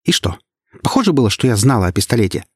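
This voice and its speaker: A man's voice: fairly low pitch, sing-song, quick pace, breathy edge, dry recording, clean studio sound. Defiant young heroine, as a man puts her on. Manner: sharp, defiant.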